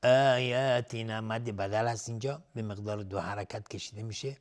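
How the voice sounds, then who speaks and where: A man teaching Quranic recitation rules on a TV lesson. He chants verses slowly and drawn out, then explains each rule in quick, plain talk. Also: fairly low pitch, fairly even intonation. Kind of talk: tajweed lesson with slow recitation. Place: TV studio.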